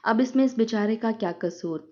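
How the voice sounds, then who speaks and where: A woman voicing a tearful, worn-down older mother who speaks softly and sorrowfully in a dull lo-fi recording. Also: on the high side, close to an everyday voice.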